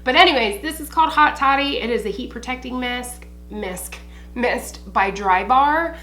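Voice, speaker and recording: A woman's voice: a little high, normal speed, pushed and bright. An American woman chatting informally like a makeup tutorial host in a beauty haul review, slangy and swearing freely. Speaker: beauty vlogger.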